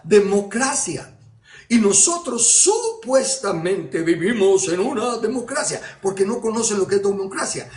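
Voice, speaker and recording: Male preacher, high voice, emphatic sermon delivery, echoey room. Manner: emphatic, with rhetorical questions and repetitions.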